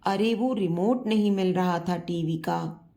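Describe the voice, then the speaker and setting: A woman's voice: on the low side, a little slow, warm tone. A woman voicing a joking, affectionate husband in his sixties who teases and pleads with his wife. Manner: teasing, fond, pleading.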